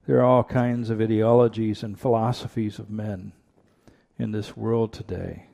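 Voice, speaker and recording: A man preaching at a pulpit microphone, his voice gravelly and mellow. He delivers an earnest church sermon and drives his points home with repeated rhetorical questions. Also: on the low side, flat delivery, normal speed. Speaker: pastor. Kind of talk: sermon with prayer and scripture reading.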